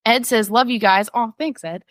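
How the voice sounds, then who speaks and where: A woman's voice: a little high, moderate pace, no room sound. A woman co-hosting a podcast, chatting casually and reading out listener questions, with frequent restarts and fillers. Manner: chatty, many restarts and fillers, laughs easily. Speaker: podcast co-host.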